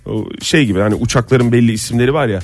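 A man co-hosting a morning radio show, telling news stories in a dry, joking way with drawn-out pauses. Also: mid-range voice, soft background music. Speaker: radio co-host.

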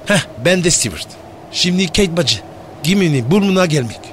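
Man playing a cheeky high-voiced young street hustler. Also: lively intonation, normal speed, fairly bright tone. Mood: coaxing. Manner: slangy, wheedling. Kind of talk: comic radio play acting. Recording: noisy background with rumble.

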